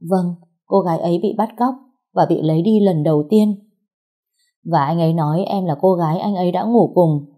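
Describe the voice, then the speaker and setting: Woman reading as a pleading pregnant young woman, sobbing, low voice, husky, audiobook story. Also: brisk, warm tone, natural voice. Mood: tearful pleading.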